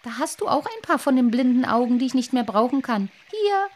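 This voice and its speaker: A woman's voice: high voice, very animated, fairly quick, voice pushed up. Woman voicing a gloating, spiteful fish. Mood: mocking. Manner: wheedling, mocking. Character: sly, gloating many-eyed fish, pushy and spiteful.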